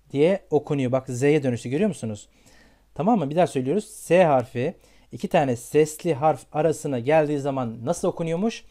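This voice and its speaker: This man's voice sits on the high side and sounds warm. He teaches beginner English pronunciation, repeatedly asking his students questions and checking in with "tamam mı".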